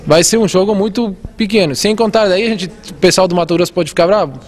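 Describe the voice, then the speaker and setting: A civic watchdog representative raised in Argentina answers interview questions about civic oversight, earnest and explanatory. His voice sits high and moves quickly, full of restarts and fillers.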